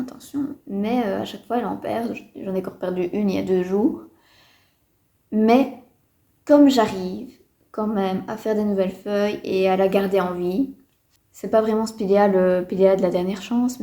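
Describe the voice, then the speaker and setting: A woman's voice: medium pitch, dark tone. A woman casually chatting to camera as a houseplant vlogger, hesitant, with many fillers and a mildly disappointed tone, indoors at home. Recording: roomy echo.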